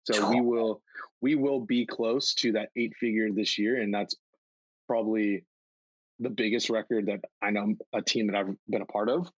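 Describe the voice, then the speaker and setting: A man's voice: on the low side, fairly even intonation, moderate pace, breathy edge, dry recording, rough recording. A man who is a podcast guest, talking in an earnest, slightly rambling way and often repeating words. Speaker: podcast guest, media buyer. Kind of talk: casual interview talk.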